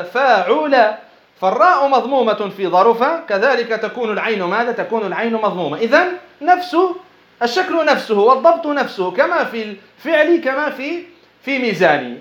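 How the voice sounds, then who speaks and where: A man's voice: sits high, a bit bright. A male scholar teaching a lesson and explaining a text, who keeps asking rhetorical questions and answering them himself, often repeating and restarting words. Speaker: Islamic scholar teaching Arabic morphology. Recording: echoey, dull lo-fi sound.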